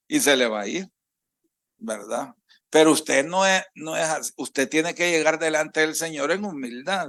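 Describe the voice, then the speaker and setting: A middle-aged Salvadoran pastor preaches in a slow, unhurried way, his voice sitting fairly high for a man. He draws out each verse he reads and has the congregation repeat the words after him. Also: fairly bright tone. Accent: Salvadoran Spanish. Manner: drawn-out scripture reading, calls on congregation to repeat. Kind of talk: sermon.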